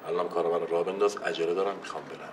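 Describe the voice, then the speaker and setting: An actor playing a blunt, impatient airport manager who demands fast service in a TV sitcom. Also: male voice, sits low, fairly even intonation, roomy sound. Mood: gruff. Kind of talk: sitcom acting. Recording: distant mic with room noise.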